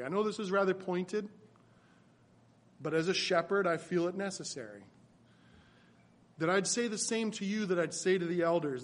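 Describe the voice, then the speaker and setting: A man with a high, light voice preaches to his church. He surges into loud, emphatic declarations and then falls back to quiet, low pleading. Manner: builds to loud emphatic peaks, then drops soft and low. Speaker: pastor. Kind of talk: sermon.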